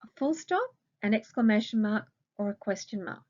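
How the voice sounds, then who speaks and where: A woman's voice: mid-range voice, animated, a little mellow, lo-fi sound. Patient Australian woman teaching a grammar lesson. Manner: slow, patient explaining with questions to the class. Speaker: primary school teacher. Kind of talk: recorded grammar lesson for children.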